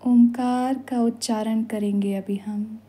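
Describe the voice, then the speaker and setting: An Indian woman leads a guided meditation in Hindi, mixing in some English phrases. Her slightly high but relaxed voice is soothing and unhurried, with long pauses, set over background meditation music.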